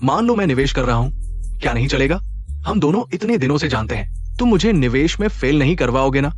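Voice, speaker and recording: A man's voice: mid-range voice, sing-song, fairly quick, faint music behind, lightly acted. A man dubbing a fatherly, persuasive middle-aged shopkeeper in a drama. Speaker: uncle figure and business partner. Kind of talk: dubbed drama acting.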